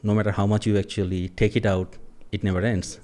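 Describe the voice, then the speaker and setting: A man in his forties from Bangladesh, a native Bengali speaker, talking as a podcast guest in a thoughtful, relaxed conversational way. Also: on the low side, a little fast. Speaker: podcast guest, agile coach. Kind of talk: casual interview conversation.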